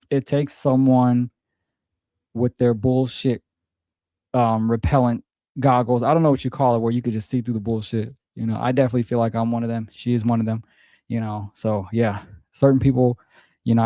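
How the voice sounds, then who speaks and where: A man's voice: mid-range voice, warm tone, no echo, clean studio sound. A man streaming and reacting to clips, talking in a laid-back, rambling, profane way and often repeating himself. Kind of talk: casual reaction commentary.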